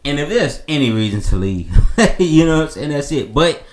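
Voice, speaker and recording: A man co-hosting a podcast, telling a story in a relaxed way with lots of fillers. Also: fairly high pitch, normal speed, reverberant. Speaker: podcast co-host. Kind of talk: casual chat.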